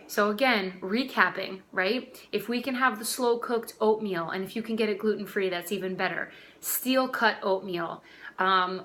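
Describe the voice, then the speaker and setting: A woman's voice: medium pitch, bright, forceful tone. A woman in her twenties, a health coach, talking casually and directly to viewers from her dining room. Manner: chatty, direct, addresses viewers as guys. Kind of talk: casual vlog talk.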